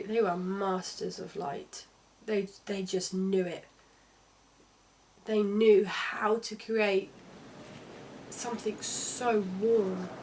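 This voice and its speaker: A woman's voice: mid-range voice, a little mellow, a little hiss or hum. Chatty young woman. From London. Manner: chatty and candid, with frequent restarts. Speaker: travel vlogger. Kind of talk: casual travel vlog narration.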